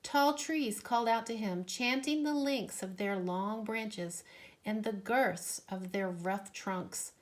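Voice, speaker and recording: A woman with a medium-pitched voice reads a children's storybook aloud, expressive yet measured and deliberate in her phrasing.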